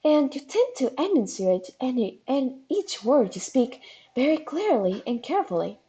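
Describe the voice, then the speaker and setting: A woman reading a webcomic aloud on a live stream, animated and casual, with quick asides. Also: high voice. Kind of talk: casual live read-along.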